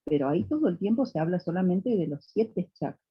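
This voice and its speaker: Husky woman student. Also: fairly low pitch, lively intonation, brisk, no echo, lo-fi sound. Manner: thoughtful, rambling with many fillers. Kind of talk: casual conversation with teacher.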